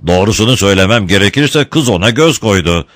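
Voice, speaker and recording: A stern village priest speaks with dry, reproachful wit in a slightly raised voice. A male narrator voices him close to his own tone. He sounds measured and firm, in a dry recording. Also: on the low side, animated, fairly bright tone, dry recording.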